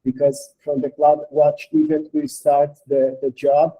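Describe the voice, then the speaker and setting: Man asking questions on a video call through garbled, robotic audio; a bit high-pitched and mellow, halting. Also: little pitch movement. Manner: halting, with many restarts. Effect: garbled, robotic low-quality call audio. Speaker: meeting participant asking questions. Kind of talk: casual technical meeting talk.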